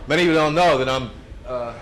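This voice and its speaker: A man's voice: mid-range voice, quick pace, a bit bright, a little hiss or hum. Man in his seventies telling old stories. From United States. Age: 70s. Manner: anecdotal, chuckling, with many restarts. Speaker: speaker at a brunch event. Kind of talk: storytelling speech.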